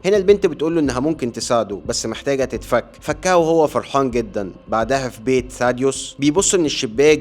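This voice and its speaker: A man with an Egyptian Arabic accent, narrating a horror comic in a brisk, dramatic storytelling manner. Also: mid-range voice.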